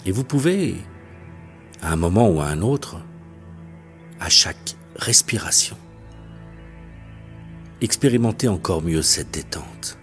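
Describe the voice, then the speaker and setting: A male hypnotherapist leading a guided hypnosis session in a slow, detached, hypnotic delivery, with soft music behind him. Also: low voice, big pitch swings. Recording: faint background music.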